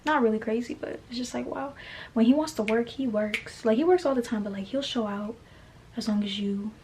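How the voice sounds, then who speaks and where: A woman's voice: fairly high pitch, brisk, a little hiss or hum. Breathless, chatty young woman vlogger. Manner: chatty, excitable, talks straight to the viewers. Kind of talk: casual vlog chat. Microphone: handheld camera mic.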